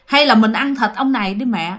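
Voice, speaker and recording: A woman's voice: fairly high pitch, brisk, fairly bright tone, lightly acted. A woman voicing a small, hungry ghost girl in a spoken ghost story, with a Southern Vietnamese accent. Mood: eager.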